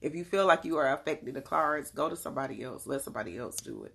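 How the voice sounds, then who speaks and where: Her pitch is extremely low, yet the creaky voice is expressive, fast, and fairly bright in tone. A tarot reader and livestream host from Charlotte, North Carolina with a Southern accent, she answers chat on a casual stream while giving forceful, blunt motivation.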